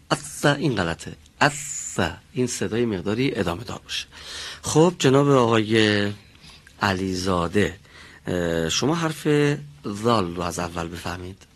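Male pronunciation teacher, low voice, patient, drills sounds slowly. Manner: patient, demonstrates sounds slowly and repeats them. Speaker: Quran recitation teacher. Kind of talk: classroom pronunciation lesson.

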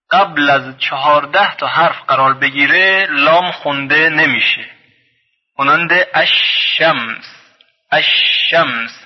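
A man teaching a recorded lesson on reading the Quran. He draws out each example word slowly, then explains briskly. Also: on the high side. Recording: dull lo-fi sound with long reverb.

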